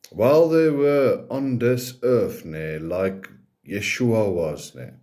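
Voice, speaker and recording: Low-ish and dark in tone, this man's voice carries an Afrikaans accent as he preaches in English. A South African with Afrikaans as his first language, he talks informally and hesitantly, often finishing phrases with a questioning tag.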